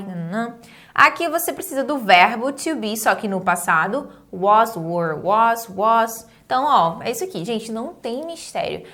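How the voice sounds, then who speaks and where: A woman's voice: medium pitch, a bit bright. A woman with a Brazilian Portuguese accent teaching an online English grammar lesson, asking the viewer questions and answering them herself. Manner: says English words slowly and clearly.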